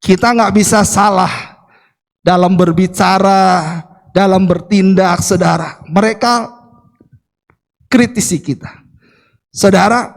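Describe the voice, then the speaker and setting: A middle-aged male pastor delivers an animated sermon, breaking into homely family anecdotes. His voice sits high for a man and carries a gravelly edge. The sound trails off in the long reverb of a church hall. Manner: animated storytelling, repeatedly addresses the congregation.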